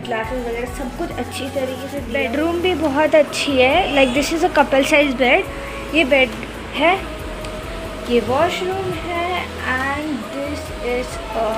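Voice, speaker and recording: High-voiced young woman vlogging over music. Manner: chatty and upbeat, giving a guided tour. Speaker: travel vlogger. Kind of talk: casual vlog chat, mixing Hindi and English. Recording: loud music playing underneath.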